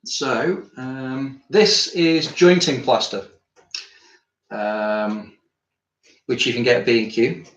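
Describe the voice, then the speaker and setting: A man's voice: medium pitch, fairly even intonation, slow pace, long pauses, fairly bright tone, dull audio. A British man, an artist chatting casually on a live stream while he works, rambling and thinking aloud, a bit tired after climbing. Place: art studio. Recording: roomy studio with faint noise.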